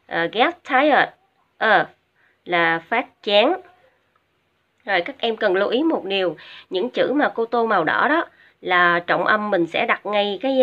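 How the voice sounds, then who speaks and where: A Vietnamese woman teaching an English vocabulary lesson to students, explaining words with hesitant fillers. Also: mid-range voice. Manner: patient, repeats each word twice for pronunciation drill. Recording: dull lo-fi audio.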